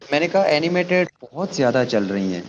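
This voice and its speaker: A man's voice: on the high side, sing-song, brisk, lo-fi sound, slight background noise. A man talking over a frozen, breaking-up video call, his voice coming through in short, clipped bits. He sounds far from the mic, thin and distant on the online line, dropping in and out. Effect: choppy, breaking-up video call audio. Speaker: call participant. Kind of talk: casual group chat about films.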